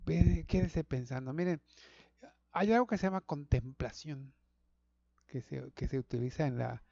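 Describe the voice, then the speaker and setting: A middle-aged pastor teaching a Sabbath school lesson to an online audience, talking conversationally, repeating words and calling listeners brothers. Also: male voice, on the high side, normal speed, creaky, mellow, no room sound, lo-fi sound.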